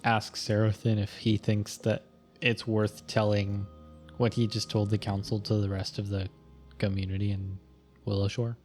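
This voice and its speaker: A man's voice: lowish voice, flat delivery, normal speed, a little mellow, faint music behind. A man playing in a tabletop role-playing game who argues his points in an earnest, persuasive way. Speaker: player. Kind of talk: tabletop role-play and reading aloud.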